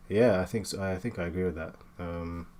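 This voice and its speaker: A man in his late twenties chatting casually while he draws, talking in halting bursts with many fillers and restarts. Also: low voice, a little mellow. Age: 20s. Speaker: art streamer. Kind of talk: casual chat while drawing.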